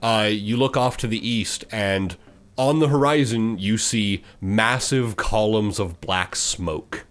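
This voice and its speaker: A man narrating as game master, steady and matter-of-fact, with frequent pauses. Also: on the low side.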